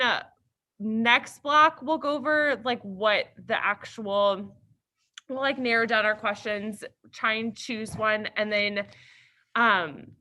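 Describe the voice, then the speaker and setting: A young woman addresses her class in a bright, slightly high voice. She talks slowly and casually, with plenty of fillers and an upbeat lilt. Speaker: teacher. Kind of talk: classroom instruction.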